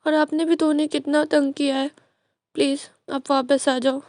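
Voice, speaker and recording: A woman's voice: high-pitched, level tone, moderate pace, a little mellow, no echo, clean studio sound, close to an everyday voice. A woman voicing a distressed young man who pleads and repeats himself. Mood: pleading.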